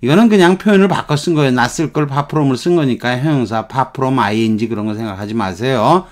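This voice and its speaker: A man giving an English lesson, explaining phrases patiently and repeating them over and over. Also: medium pitch. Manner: unhurried, repeats phrases, drifts between Korean and English. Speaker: English teacher.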